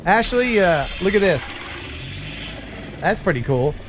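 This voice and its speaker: A man's voice: high-pitched, big pitch swings, measured pace, noisy background. A man hosting a live stream in casual chat, with a joking, teasing manner.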